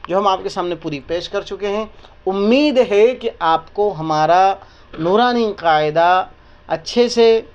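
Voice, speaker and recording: A man teaching Quran reading step by step, asking questions and repeating each word slowly for the listener. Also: sits high, highs cut off. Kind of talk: step-by-step lesson with call-and-response questions.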